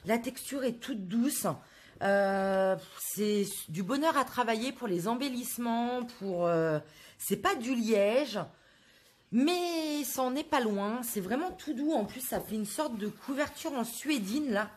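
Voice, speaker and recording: A woman's voice: fairly high pitch, animated, takes it slowly, darkish tone. A woman from France in a casual haul video, chatting to her viewers with many hesitant fillers. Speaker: craft vlogger.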